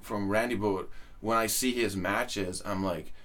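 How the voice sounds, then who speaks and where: A man's voice: lowish voice, fairly even intonation, measured pace, a bit bright. A man co-hosting a podcast, talking casually, swearing freely and restarting phrases as he builds his points. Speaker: podcast co-host. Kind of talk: casual chat.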